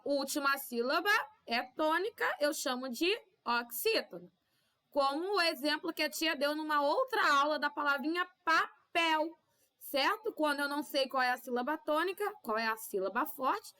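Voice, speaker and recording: A woman with a Brazilian Portuguese accent teaching young children in a recorded class, with drawn-out syllables and constant "tá?" checks. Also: high-pitched, animated, sharp tone. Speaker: primary school teacher.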